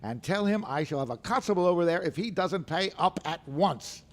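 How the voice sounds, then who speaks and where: An actor playing a grim, bad-tempered old miser with a gravelly, scornful delivery in a radio drama. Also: male voice, high voice, animated, fairly quick. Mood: stern, irritated. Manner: scornful, barking, grumbling.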